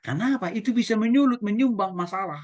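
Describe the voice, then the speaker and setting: A man's voice: high voice, fast, lo-fi sound. A male pastor giving a teaching sermon, asking his listeners questions and acting out examples. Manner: lively, asks listeners questions, acts out examples.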